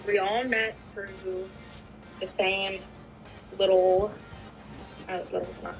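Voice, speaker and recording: A woman's voice: medium pitch, level tone, takes it slowly, faint music behind, low-quality recording. Chatty woman from New York. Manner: rambling, filler-heavy, friendly. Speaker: podcast co-host. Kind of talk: casual chat.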